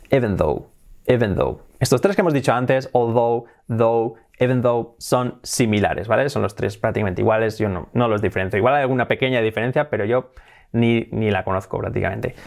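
Young spanish guy teaching english, spanish accent, says examples slow and over again, normal middle pitch. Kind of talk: casual video lesson.

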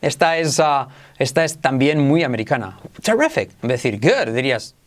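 Teaching English in an online lesson, a man with a Spain Spanish accent drills words slowly for repetition, enthusiastic and self-described as exaggerated. His voice is mid-range, and a little hiss or hum can be heard.

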